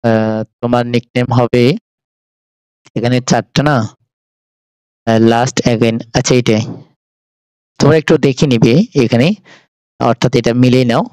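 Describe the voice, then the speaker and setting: A man with a Bangladeshi accent talks his students through a textbook English lesson, pausing often to hesitate. His voice sits at a middle pitch for a man and sounds dry and close. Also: level tone, a little mellow, clear, resonant tone, no echo, poor audio. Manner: explains English phrases in Bengali, with frequent hesitations. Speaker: teacher.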